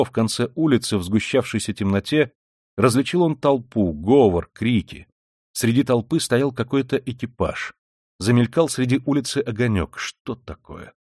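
A man reading a classic novel aloud as an audiobook narrator, in measured, even storytelling. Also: medium pitch, dry recording, clean studio sound. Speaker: audiobook reader. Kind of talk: scripted narration.

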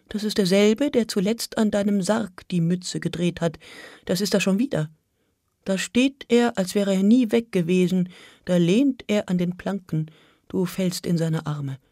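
Radio reader, literary story, measured, dramatic, hushed, dry studio. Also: mid-range voice, dry recording. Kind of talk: scripted literary reading.

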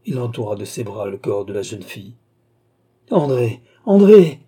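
A male narrator reads a classic novel in a measured, expressive style. His voice is very dark and somewhat husky, with pitch in the ordinary middle range. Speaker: audiobook narrator. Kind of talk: literary audiobook narration.

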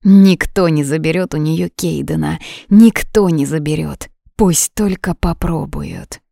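A woman giving a measured, expressive dramatic audiobook narration. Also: sits low, vocal fry, no echo, clean studio sound.

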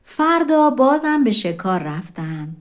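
A woman narrating an audiobook of folk tales in a calm, colloquial storytelling manner. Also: a little high.

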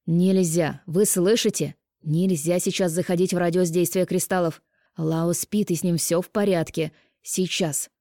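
A firm, grumbling male healer explains and insists in a low, mellow voice, as a woman narrator puts him on. The recording is dry and close, with an audiobook feel. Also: fairly even intonation, a little slow, no room sound. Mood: insistent.

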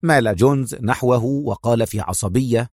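Man reading a crime thriller audiobook, steady measured voice, dry close sound. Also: mid-range voice, dry recording. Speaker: narrator. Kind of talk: dramatic audiobook narration.

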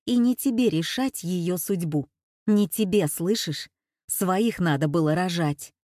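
A woman voicing a hurt, bitter middle-aged mother who speaks sharply and deliberately. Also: fairly low pitch, a little mellow, no room sound, clean studio sound, natural voice. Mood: angry.

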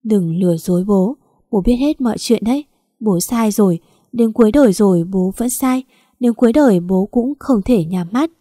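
A woman voicing a frail, remorseful old father with a hoarse, weak voice. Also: mid-range voice, animated, normal speed, warm tone, no echo, clean studio sound, close to an everyday voice.

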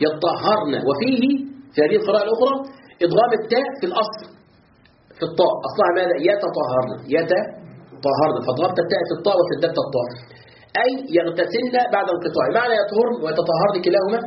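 A man teaching scripture commentary at a rapid clip, reciting verses, then drilling words by repeating them. He poses questions to his students and answers them himself. The recording is dull and roomy, with a faint hiss. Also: sits high, lively intonation. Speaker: sheikh teaching Quran commentary. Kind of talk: classroom lesson explaining a text.

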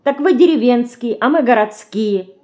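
A woman reading an audiobook, voicing a hot-tempered young city girl who snaps back in sharp, indignant outbursts. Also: fairly high pitch, animated, normal speed, pitched above the performer's own voice, natural voice.

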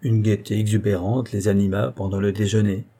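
Man narrating an old short story, warm dark voice, a bit husky, steady and expressive. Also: fairly low pitch, brisk. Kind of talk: audiobook reading of a short story.

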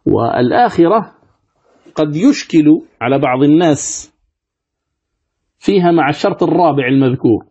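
Teaching sheikh with a dull, muffled sound. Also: male voice, on the high side, expressive, a little mellow, breathy edge. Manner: asks the class questions and answers them himself; repeats words slowly to model pronunciation. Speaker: sheikh teaching Quran recitation. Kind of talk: classroom lesson commentary on a text. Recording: dull lo-fi lecture recording.

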